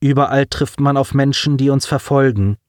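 A man's voice: mid-range voice, moderate pace, no room sound, clean studio sound, voice pushed up, close to an everyday voice. A male narrator voicing an alien leader in a sci-fi audiobook, insistent and resentful. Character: alien leader, weary and demanding.

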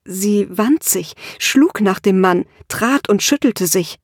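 Woman narrator, steady storytelling, dry close sound. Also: medium pitch, slow pace, breathy edge, no echo. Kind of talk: audiobook narration.

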